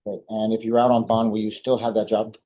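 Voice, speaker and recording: A man questioning a witness in court as defense attorney, with hesitant, halting phrasing. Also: fairly low pitch, completely flat delivery, warm tone, highs cut off.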